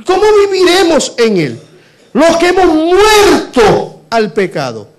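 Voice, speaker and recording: A man preaching a sermon, asking rhetorical questions and swinging between loud emphasis and hushed lines. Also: extremely high pitch, wildly swooping pitch, slow pace, background noise.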